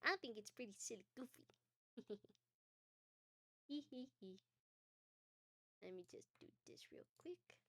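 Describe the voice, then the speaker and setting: A woman's voice: mid-range voice, big pitch swings, normal speed, bright, forceful tone, slightly rough, no room sound, clean studio sound. A young adult woman streaming from her bedroom, chatting casually and scattered, laughing often. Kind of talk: casual live-stream chat. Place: home bedroom.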